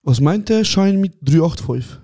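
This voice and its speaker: A man's voice: sits high, unhurried. A young man with a Swiss German accent, co-hosting a casual podcast and acting out scenes while teasing his friend. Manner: lively, acts out scenes and voices, teasing. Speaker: podcast co-host. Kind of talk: casual chat.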